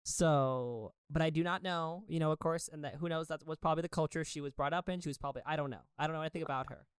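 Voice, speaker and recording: A woman's voice: deep voice, fast, clear, resonant tone, dry recording, studio quality. A woman co-hosting a podcast in casual chat, speaking in a playful, joking manner. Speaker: podcast co-host.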